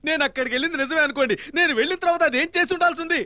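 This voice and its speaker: A frantic whining servant. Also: male voice, very high-pitched, heavy background noise. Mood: pleading. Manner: wailing, pleading, rapid chatter. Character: frantic whining male servant, cowardly and pleading. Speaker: sleepwalking comic servant in a film. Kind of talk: dubbed film comedy dialogue.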